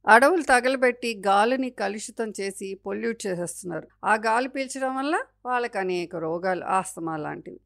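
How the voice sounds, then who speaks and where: A woman's voice: medium pitch, moderate pace, creaky, fairly bright tone. A woman voicing the forest as a caring, motherly spirit in a storybook tale, explaining things patiently. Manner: explaining patiently, sometimes angry.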